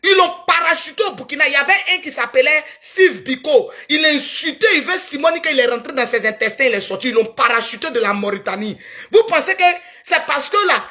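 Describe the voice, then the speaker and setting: A woman's voice: high voice, pushed and bright. A woman with an Ivorian French accent delivering a heated, preachy video rant and scolding someone emphatically. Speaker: social media commentator.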